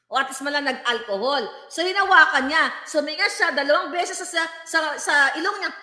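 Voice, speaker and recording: A woman's voice: sits high, moderate pace, bright, forceful tone. A woman from the Visayas, scolding and mocking in a commentary rant over a video clip. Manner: mocking, scolding, swaps between Tagalog and English. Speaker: political commentary vlogger. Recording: echoey room with long reverb.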